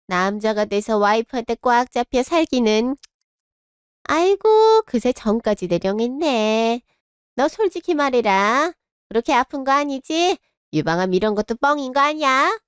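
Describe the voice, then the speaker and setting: A woman's voice: on the high side, animated, measured pace, fairly bright tone, clean tone, no echo, clean studio sound. A woman voicing a harsh, cruel older mother-in-law in a radio drama, scolding and contemptuous. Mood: scornful.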